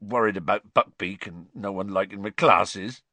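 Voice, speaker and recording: A man voicing a huge, soft-hearted gamekeeper who sobs and talks in a rough rustic dialect. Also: on the low side, normal speed, no room sound. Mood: gloomy.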